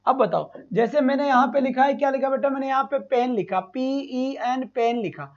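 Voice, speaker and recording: A male teacher runs a live online exam-prep class, calling students "beta" and repeating sounds slowly. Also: extremely high pitch. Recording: dull lo-fi stream.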